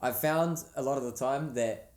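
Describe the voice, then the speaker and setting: A man's voice: mid-range voice, moderate pace, a little mellow. A man with a New Zealand accent, a rapper guest chatting casually in an interview, laid-back and rambling with lots of fillers.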